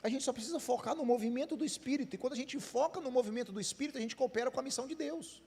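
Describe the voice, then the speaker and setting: A man's voice: extremely high pitch, racing, vocal fry, a little mellow, breathy edge. A man with a Brazilian Portuguese accent, a pastor preaching a sermon, speaking straight to the congregation with questions and acted-out dialogue. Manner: addresses the congregation directly with questions; conversational preaching with quoted dialogue. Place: church hall. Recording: long hall reverb.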